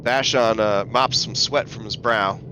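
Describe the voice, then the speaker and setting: A game master narrating an improvised tabletop game in a halting, low-key way. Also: steady tone, muffled recording, music in the background.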